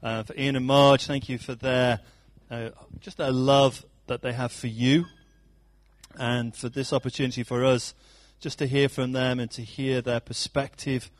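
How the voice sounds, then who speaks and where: A man leading a church meeting, introducing a guest speaker and then praying, in a relaxed way with many pauses and fillers. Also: medium pitch, no room sound. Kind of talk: introduction and prayer.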